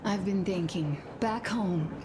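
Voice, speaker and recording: A woman acts as a young wife in a video game, confiding tenderly in her husband. She speaks slowly and softly, in a reflective, intimate way. There is clear ambient noise behind the voice. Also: medium pitch, natural voice. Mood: grieving, anxious.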